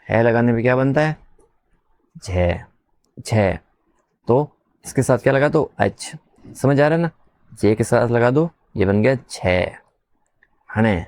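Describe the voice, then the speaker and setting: A man teacher, teaching in a classroom way. He asks questions, answers them himself, and spells letters out slowly one at a time. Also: medium pitch, a little mellow, no echo. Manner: spells letter by letter in a slow sing-song. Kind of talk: classroom lesson.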